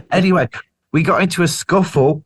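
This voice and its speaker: A man's voice: high-pitched, husky. A middle-aged British man, a band singer as guest, telling road stories in a casual interview, swearing freely and acting out what people said. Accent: British English. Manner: animated storyteller, swears freely, acts out quotes.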